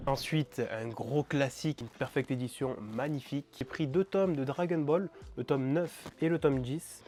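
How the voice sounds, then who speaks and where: A man's voice: mid-range voice, a little mellow. A young man chatting casually as a vlog host, eagerly showing off his manga purchases with lots of fillers. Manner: enthusiastic, chatty, many fillers. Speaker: manga collecting YouTuber.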